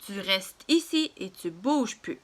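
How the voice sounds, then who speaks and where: A woman voicing a firm, patient father who speaks slowly. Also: mid-range voice, animated, fairly bright tone. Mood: scolding. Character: patient strict father, adult man.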